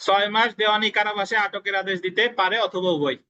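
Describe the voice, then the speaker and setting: A man's voice: sits high, level tone, fast, bright, forceful tone, muffled recording. A man giving a classroom law lecture, repeating key points, asking students whether they understand, and dictating spellings letter by letter. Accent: Bangladeshi Bengali. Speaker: law tutor.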